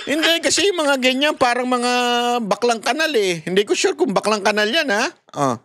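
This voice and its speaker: A man's voice: very high voice, lively intonation, moderate pace. A man hosting casual political commentary, laughing often and mocking as he talks. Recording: loud background noise.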